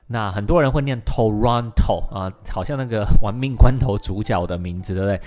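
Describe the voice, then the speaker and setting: A young man hosting an English-learning podcast lesson in a chatty, lively way, slowly modelling English sounds again and again. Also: on the low side. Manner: chatty, lively, with many sentence-final particles.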